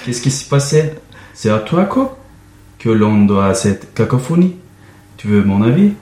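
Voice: mid-range voice, big pitch swings, measured pace, dark tone, far from the mic. A man with a Turkish accent voicing grumpy farm animals woken too early, reading them in a mock-indignant way. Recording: roomy with faint background noise.

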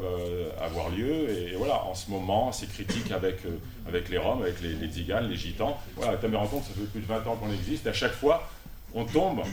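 Brief: male theatre member, interview, lowish voice, roomy sound, faint noise. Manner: thoughtful, with restarts. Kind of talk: spoken interview answer.

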